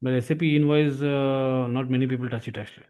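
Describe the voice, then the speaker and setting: Speaking fast in a medium-pitched, dark and clean voice with fairly even intonation, this Indian-accented man tutors SAP courses. He talks casually and persuasively to a would-be student, repeats himself a lot, and keeps adding "actually" to his sentences.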